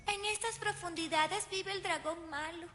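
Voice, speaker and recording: A woman's voice: extremely high pitch, a little slow, over music. A woman voicing a brave, kind little girl in a dubbed cartoon, earnest, curious and determined.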